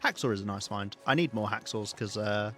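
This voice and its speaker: Faint music plays behind a southern English man with a lowish, slightly bright voice who talks a little fast. He's streaming a video game, keeping up casual, wry commentary with the occasional laugh or swear.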